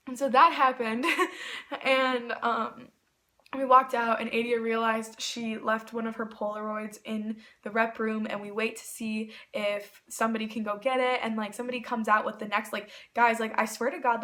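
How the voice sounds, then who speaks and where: A woman telling a story in a casual vlog, rambling and excitable, with lots of "like" fillers. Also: on the high side. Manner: rambling, excitable, heavy use of "like". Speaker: vlogger.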